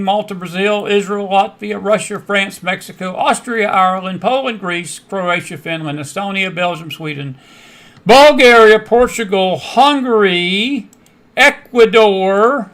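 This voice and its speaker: A man's voice: high voice, fairly bright tone. An American man hosting a political commentary show, emphatic and prone to repeating his phrases for stress. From United States. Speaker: host; Bible teacher.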